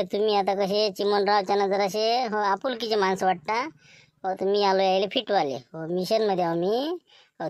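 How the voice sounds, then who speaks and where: A man's voice: sits high, no echo, studio quality, close to an everyday voice. A man with a Varhadi Marathi accent playing a sly scheming undercover servant in a village comedy sketch, wheedling and sprinkling his talk with little fillers. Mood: plotting.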